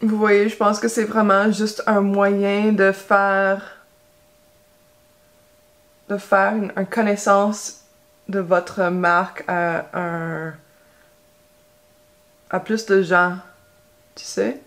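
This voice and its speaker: A woman from Quebec whose first language is English, speaking French with an English-speaking Quebec accent. She chats slowly and unhurriedly while putting on makeup, often stopping mid-sentence to restart or reach for a word. Her pitch sits in a middle register. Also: flat delivery. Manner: hesitant and chatty, with many restarts and fillers. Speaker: beauty vlogger. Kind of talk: casual chat while doing makeup.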